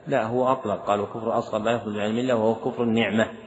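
A man's voice: fairly low pitch, level tone, rapid-fire. A man teaching a religious text, reading out written questions from students and answering them briefly and firmly. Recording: dull lo-fi lecture recording.

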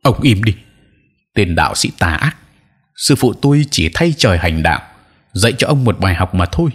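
A man's voice: sits low, sing-song, normal speed, slightly rough, exaggerated voice. Man as a righteous young disciple. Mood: indignant. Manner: shouting accusations.

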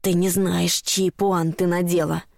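A woman voicing a spiteful, trembling old woman who hisses her words slowly and menacingly. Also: no echo, studio quality, lightly acted. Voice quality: hissing, slow and low.

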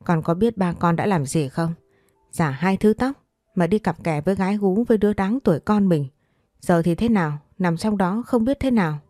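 A woman's voice: fairly low pitch, moderate pace, warm tone, no echo, clean studio sound, faint music behind, close to an everyday voice. A woman voicing a middle-aged mother who has just caught her cheating husband, tearful and furious, scolding shrilly. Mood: bitter scolding.

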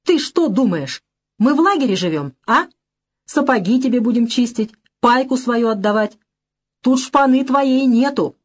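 A woman reading an audiobook voices a young male ex-thief who speaks bluntly, hard and deliberate. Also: fairly high pitch, lively intonation, voice pushed up. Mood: hard defiant. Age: young adult.

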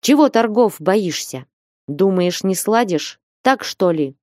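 A woman voicing a blustering, hot-tempered old male merchant in an audiobook, scolding and shouting. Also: mid-range voice, expressive, slow pace, no room sound, studio quality. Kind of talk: audiobook reading.

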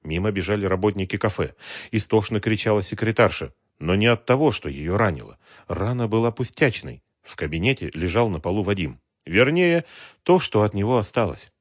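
A man narrating a crime novel audiobook in an expressive, dramatic reading. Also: on the low side, fairly quick, dry recording, clean studio sound.

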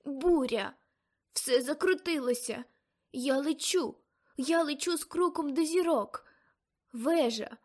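A woman's voice: high-pitched, slow pace, pitched above the performer's own voice. A woman doing an old aunt crying out a vision. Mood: frightened. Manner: breathless, exclaiming, rising to cries. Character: elderly aunt, a seer lost in a frantic vision.

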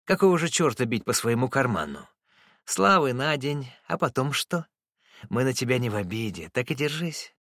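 A man doing a sly, shrill, wheedling driver. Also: big pitch swings, moderate pace, fairly bright tone, dry recording, clean studio sound. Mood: needling. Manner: sneering, needling, pitched high. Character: sly, wheedling male driver, spiteful, shrill when crossed.

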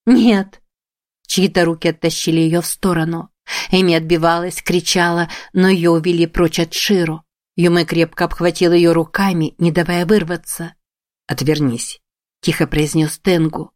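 A woman narrating a fantasy audiobook in a steady, even storytelling voice. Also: on the low side, moderate pace, no echo, studio quality. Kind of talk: scripted narration.

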